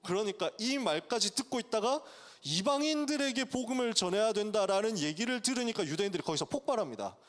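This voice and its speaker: A male pastor preaching to college students, telling the story in a lively way and acting out its characters' voices. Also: high voice, fast talker. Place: church sanctuary. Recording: long church hall reverb.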